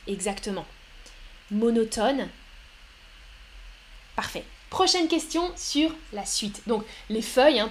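A woman teaching French on a live stream, explaining patiently and greeting viewers in the chat. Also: on the high side. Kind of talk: live-streamed language lesson.

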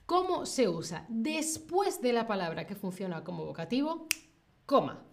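A woman's voice: on the high side, sing-song, normal speed, background noise. A woman teaching a live grammar lesson, often checking in with listeners and acting out example phrases in a raised voice. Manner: checks in constantly with rhetorical "¿sí?" and "¿vale?". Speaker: Spanish teacher.

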